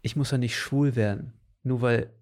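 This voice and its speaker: A man chatting casually in a relaxed, slangy way, full of fillers and "you know what I mean" tags. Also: mid-range voice, normal speed. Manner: relaxed, slangy, lots of fillers and tag questions. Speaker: conversation partner. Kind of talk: casual chat.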